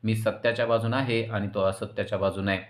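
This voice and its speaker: A hot-headed young hero hurls defiant threats in a fairly low voice, read out by a man narrating a serial recap. It is delivered as a plain recap voice-over. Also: little pitch movement, quick pace, lightly acted. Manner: angry, threatening. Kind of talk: recap voice-over reading dialogue.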